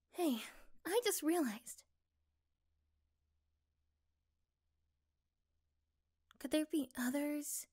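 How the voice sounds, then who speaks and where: In a gentle, tender ASMR roleplay, a woman plays a caring and curious young girlfriend, her soft voice turning breathy at times. She pitches it high and acts it heavily, sounding curious and apologetic.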